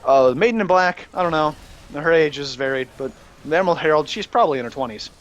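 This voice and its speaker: A young man hosting a rambling, excitable gaming rant that breaks into shouting while he plays. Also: on the high side, fast, dull audio. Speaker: gaming channel host ranting.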